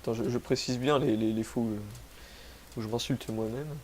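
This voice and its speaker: Sniffly with a cold, a young French gaming youtuber rambles over gameplay from his rural home, full of self-mockery and crude slang. His medium-pitched voice is fairly even in intonation, a little mellow, and at normal speed, with slight background noise.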